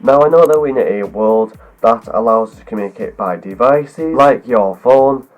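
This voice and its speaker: The audio is dull, with soft music in the background, as a video host with a cold speaks a scripted explanation to camera. He rambles, stringing clauses together, in a mid-range voice that the cold has made deeper than usual. His pace is moderate.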